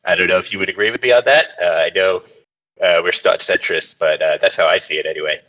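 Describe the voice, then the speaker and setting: A man co-hosting a satirical comedy podcast, mock-serious and halting, with many fillers. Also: sits low, sharp tone, lo-fi sound. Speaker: podcast co-host.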